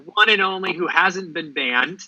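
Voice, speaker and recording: A man hosting a live interview in an upbeat, joking way, with a very bright voice. The recording sounds dry and close, with no room around him. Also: sits high, animated, measured pace, dry recording, rough recording. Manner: upbeat, joking, gives shout outs. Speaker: host of AMA interview.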